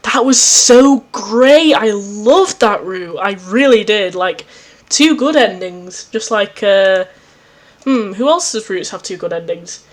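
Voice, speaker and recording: A woman reading a visual novel aloud and chatting about it, gushing and easily excited. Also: mid-range voice, slow. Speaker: let's play host.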